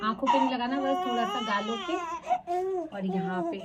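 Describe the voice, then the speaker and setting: A woman's voice: fairly high pitch, normal speed. Chatty Indian-vlog mother over a crying baby. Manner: chatty and instructive, talks straight to viewers as friends. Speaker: mother and home vlogger. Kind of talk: casual how-to demonstration. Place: at home, bathing a baby. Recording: loud background noise and baby crying.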